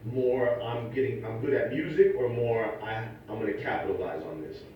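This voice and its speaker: A man's voice: mid-range voice, normal speed, a little hiss or hum. A man co-hosting a casual interview, rambling with many fillers and joking along. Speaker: interview co-host. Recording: echoey room from far off, dull lo-fi sound.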